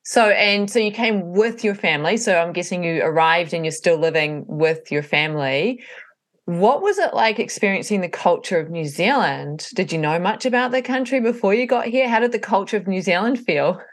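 A woman's voice: on the low side, animated, moderate pace. A woman hosting a podcast, attentive and encouraging, asking open questions. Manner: attentive, encouraging listener with brief affirmations. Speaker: podcast host. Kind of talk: casual conversation.

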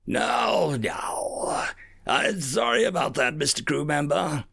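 A man doing a gravelly alien pirate captain. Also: a little high, sing-song, slow, sharp tone, voice pushed up, exaggerated voice. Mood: mock-polite. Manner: mocking, falsely polite. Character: menacing male alien pirate captain with sharp teeth.

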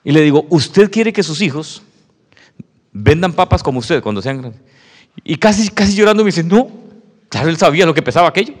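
A man preaching a sermon testimony, telling a story with animated acted-out dialogue. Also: on the high side, fairly quick. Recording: long hall reverb.

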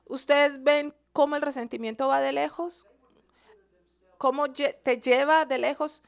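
A woman teaching from the Bible in a sermon, asking her listeners questions and stretching key words out slowly for emphasis. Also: high voice, fairly even intonation, gravelly.

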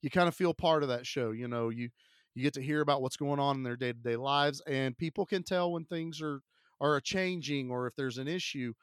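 A man co-hosting a movie podcast in casual chat, his voice rough from being sick, upbeat and chatty with lots of fillers. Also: mid-range voice, a little fast, dry recording, studio quality. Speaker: podcast co-host.

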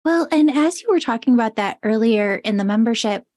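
A woman's voice: on the high side, expressive, a little fast, a little mellow, no room sound, studio quality. A woman hosting a podcast interview, asking questions with eager enthusiasm. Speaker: podcast host.

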